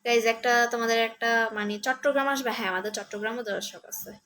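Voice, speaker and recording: A woman's voice: fairly high pitch, steady tone, fast talker, a bit bright, faint music behind. A woman chatting casually on a live stream, answering viewers' comments one by one.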